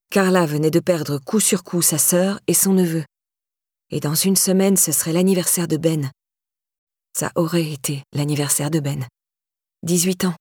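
A woman narrating a novel as an audiobook reader, in a measured storytelling manner. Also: on the low side, dark tone, no room sound, clean studio sound.

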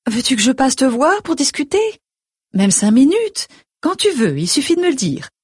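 A woman voicing a worried middle-aged mother who fires off anxious, pleading questions in a breathy voice. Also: high-pitched, sing-song, a little mellow, no room sound, clean studio sound, voice pushed up, full character voice. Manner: rapid stream of anxious questions.

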